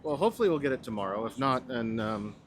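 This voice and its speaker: A man's voice: mid-range voice, animated, fast. A man chatting casually with friends, joking about himself. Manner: self-mocking, joking. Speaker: friend on the trip. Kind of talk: casual chat.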